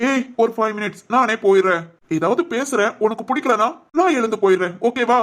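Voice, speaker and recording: A woman voicing a caring young policeman who gently comforts a crying friend in an audio drama. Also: fairly high pitch, animated, a little fast, close to an everyday voice. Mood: comforting. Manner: gentle and reassuring.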